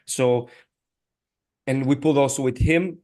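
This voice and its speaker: A man from Serbia with a Serbian accent, hosting a casual podcast interview in halting speech full of restarts. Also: mid-range voice, steady tone, mellow. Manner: halting, many restarts and fillers. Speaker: podcast host.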